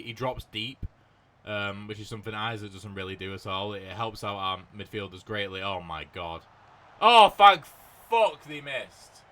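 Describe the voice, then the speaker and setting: Bright-voiced young man commentating a game. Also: fairly low pitch. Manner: swears freely, shouts at big moments, mutters over choices. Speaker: gaming commentator. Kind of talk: casual live commentary of a football management game.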